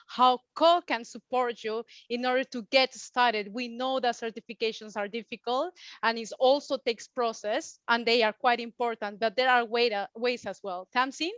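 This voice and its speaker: A woman moderating a webinar, polite and slightly halting as she hands over questions. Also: a little high, fairly even intonation, fairly bright tone, dry recording. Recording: dry, dull call audio.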